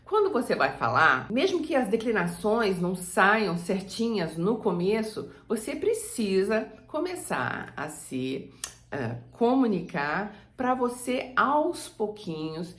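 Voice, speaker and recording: A Brazilian woman teaching German grammar and saying example sentences slowly for the viewer to repeat. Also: medium pitch, big pitch swings, fairly bright tone, reverberant. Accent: Brazilian Portuguese. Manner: slow, drawn-out model sentences for repeating. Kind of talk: language lesson.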